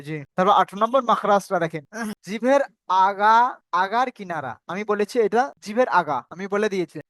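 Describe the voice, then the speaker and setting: A man teaching Quran recitation in an online class, patiently repeating rules and spelling out sounds slowly. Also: high-pitched, fairly bright tone, no room sound. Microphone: video call.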